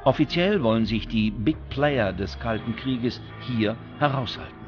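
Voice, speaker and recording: Over a music bed in a dull recording, a male narrator reads a scripted documentary in a medium-pitched voice, going a little slowly.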